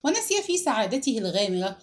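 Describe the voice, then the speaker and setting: A woman's voice: fairly high pitch, very animated, quick pace. A woman narrating a novel as a scripted audiobook, reading expressively.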